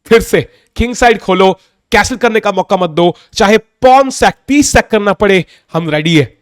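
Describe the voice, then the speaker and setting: A young man with a sore throat giving a casual chess lesson, excitedly calling out moves and mixing in English. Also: sits high, normal speed, clean tone, no room sound, clean studio sound. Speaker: chess coach.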